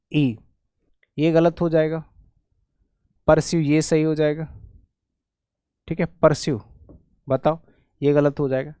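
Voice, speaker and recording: A man teaching an exam spelling lesson, spelling out words letter by letter and repeating them slowly. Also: a little high, darkish tone, clean tone, no room sound, clean studio sound. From India. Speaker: English teacher.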